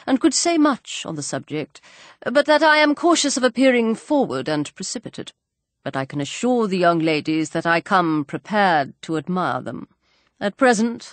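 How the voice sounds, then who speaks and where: A woman's voice: lowish voice, dry recording. A woman voicing a pompous, formal young clergyman who speaks in a stiff, wordy, fawning way.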